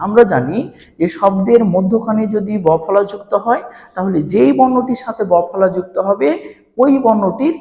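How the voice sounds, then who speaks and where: A man's voice: sits high, gravelly, darkish tone. A man teaching a pronunciation lesson, asking questions and answering them himself. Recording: roomy hall with long reverb.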